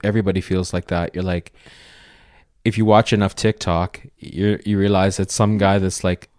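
A man co-hosts a podcast in casual chat, with a very deep voice. He keeps a dry, joking tone. The sound is close and dry. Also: a little mellow, no room sound. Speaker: podcast co-host.

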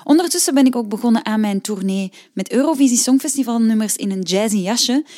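A woman's voice: a little high, a little fast, dark tone. A Flemish woman in her thirties hosting a singing-lesson podcast, explaining exercises in a chatty way with frequent fillers. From Belgium. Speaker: podcast host and vocal coach.

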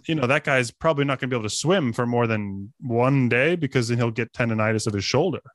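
A man's voice: mid-range voice, fast talker, dry recording. A man co-hosting a podcast in casual chat, rambling and restarting his sentences as he thinks aloud. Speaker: podcast co-host.

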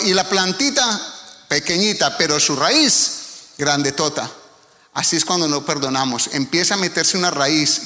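A man's voice: fairly high pitch, sharp tone. A man with a Colombian accent preaching a sermon as pastor, earnest and emphatic, speaking directly to the congregation. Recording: long hall reverb.

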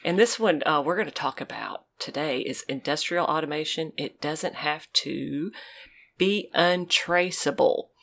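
A woman's voice: deep voice, unhurried, creaky, fairly bright tone. A woman co-hosting a casual podcast, friendly and reacting readily to her co-host.

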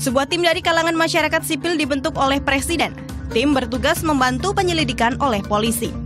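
A woman's voice: sits high, quick pace, music in the background. A woman with an Indonesian accent reading formal scripted news narration.

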